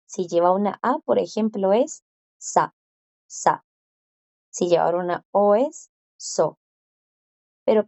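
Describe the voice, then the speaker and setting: Woman teaching, slow patient drills. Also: medium pitch, mellow, no room sound, lo-fi sound. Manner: slow, careful pronunciation drills with repetition. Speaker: Korean language teacher. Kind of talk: classroom explanation.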